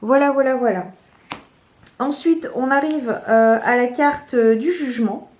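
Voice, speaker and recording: A woman casually showing her favourite tarot cards, talking hesitantly with many fillers. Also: high-pitched. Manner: slow, soft-spoken. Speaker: tarot vlogger.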